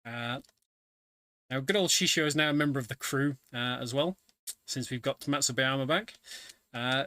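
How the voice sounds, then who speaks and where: Streaming from home as part of an online event, a speedrunner gives chatty, wry live commentary on his own run, narrating the game's story as he plays. His mid-range voice has a sharp tone and a normal speed, with game music in the background.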